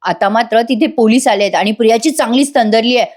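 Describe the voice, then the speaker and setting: A woman with a Marathi accent recaps a TV serial episode in a chatty voice-over. Her voice sits a little high. She speaks directly to the viewers as she goes. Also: brisk, a little mellow. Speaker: TV serial reviewer.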